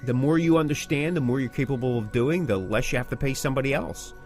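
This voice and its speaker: A podcast co-host talks casually about the music business, speaking fast with a medium pitch and a darkish tone as faint music plays behind him. He gives advice emphatically, repeats key points for stress, and closes with scripted sign-offs.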